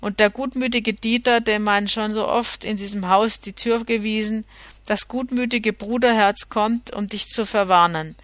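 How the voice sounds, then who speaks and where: A woman's voice: medium pitch, steady tone, moderate pace, no echo, natural voice. Woman doing a sneering drunk journeyman. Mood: threatening. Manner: mocking and threatening, loud outbursts. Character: half-drunk scheming male journeyman revolutionary, sneering.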